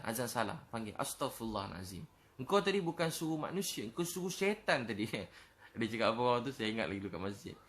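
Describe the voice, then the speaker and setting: A man with a Malaysian accent preaching a storytelling sermon, talking straight to his audience with frequent "ha" and climbing sharply in pitch on his key points. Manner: animated, rises sharply in pitch when stressing points; addresses audience directly with frequent "ha". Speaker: Islamic preacher.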